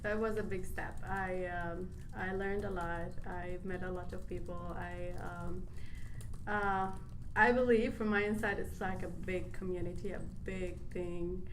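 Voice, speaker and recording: A young woman from Syria, a college student, chatting in an interview, laughing often and pausing on fillers. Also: on the low side, steady tone. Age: young adult. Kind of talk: casual interview chat. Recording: audible background noise.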